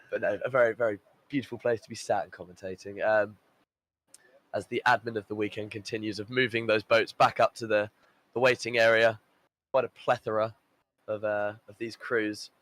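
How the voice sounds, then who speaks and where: A man's voice: medium pitch, rough recording. Upbeat man commentating a live event. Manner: enthusiastic, upbeat, lots of praise and fillers.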